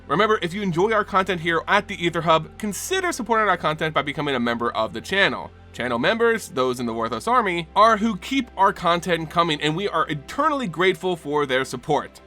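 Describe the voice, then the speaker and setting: Soft music backs a fantasy lore narration from a man who runs a channel about fantasy game lore. His voice is fairly high and lively, and his scripted, dramatic delivery rises and falls in pitch the way an expressive storyteller's would.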